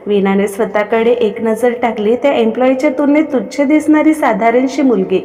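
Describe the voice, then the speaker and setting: A woman narrating a story with an expressive reading. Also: on the high side, moderate pace. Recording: long reverb.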